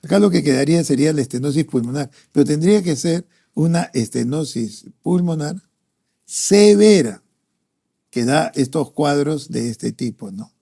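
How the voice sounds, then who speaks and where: With a voice on the high side, creaky yet mellow, this male doctor talks at an ordinary pace with lively intonation. He has a Peruvian Spanish accent and leads an exam-prep pediatric cardiology review, thinking through questions aloud amid plenty of "¿no?" and "este."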